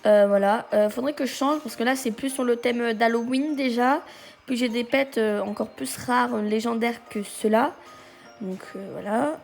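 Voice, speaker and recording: A woman giving casual gameplay commentary in a chatty, halting way, often exclaiming at what she finds. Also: fairly high pitch, gravelly, darkish tone, soft background music. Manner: halting, many hesitations. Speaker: gaming video creator.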